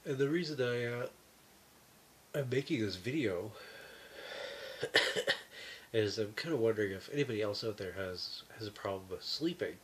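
A man talking from his bed through a breathing mask, his voice nasal and muffled, halting with many fillers. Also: fairly low pitch, animated, fairly bright tone, a little hiss or hum. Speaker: vlogger. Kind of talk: casual talk to camera. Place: bedroom, lying in bed.

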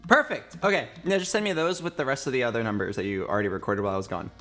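In an indoor streaming room, a streamer in his twenties chats casually while directing a recording session. His mid-range voice is rapid-fire with a sharp tone, and faint music plays behind him.

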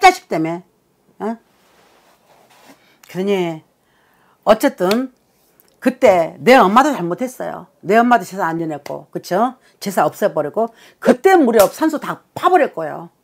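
A woman's voice: medium pitch, big pitch swings, a little slow, pauses often, slight background noise. A woman shaman giving a blunt, scolding consultation, swearing and bursting into emphatic outbursts. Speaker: shaman fortune-teller.

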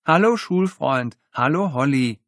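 A man's voice: a little high, animated, measured pace, no room sound, clean studio sound, pitched above the performer's own voice. A man doing Niles, an earnest polite schoolboy. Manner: formal, over-earnest.

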